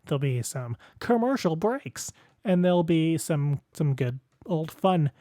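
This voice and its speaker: A man's voice: a little high, big pitch swings, measured pace, warm tone, dry recording, studio quality. A young man hosting his own podcast, rambling casually through the sign-off with goofy asides and sing-song fillers, a bit out of breath. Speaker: podcast host.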